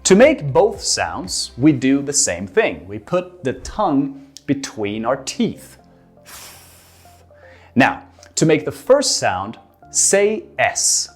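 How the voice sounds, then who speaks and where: Slow, exaggerated pronunciation teacher, very animated pitch. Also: husky, soft background music. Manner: slow, exaggerated modeling of sounds with deliberate pauses and emphasis. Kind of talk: instructional lesson to camera for beginners.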